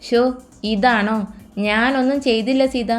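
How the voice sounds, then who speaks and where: A doting young husband, tender and coaxing, teasing his wife with gentle affection, as a woman storyteller reads him in her own fairly high voice. A faint bed of music plays under the romance audiobook reading. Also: steady tone, unhurried, natural voice.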